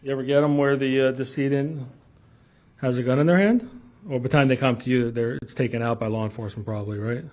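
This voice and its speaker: A man cross-examining a witness as defense attorney in a courtroom recording, halting and repeating words as he presses his questions. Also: mid-range voice, fairly even intonation, a little mellow.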